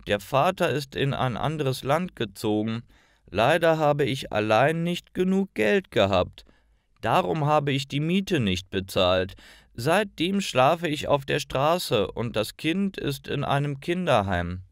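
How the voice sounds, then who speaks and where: A man's voice: medium pitch, sing-song, slow pace, no room sound, clean studio sound, voice pushed up. A man doing a sad homeless mother. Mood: sorrowful. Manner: sorrowful, quiet.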